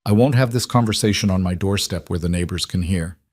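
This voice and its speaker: A man voicing a tiny, sharp elderly Italian mother who speaks in clipped, blunt, disapproving lines, with an Italian accent. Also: low-pitched, a little fast, no echo, studio quality. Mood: stern.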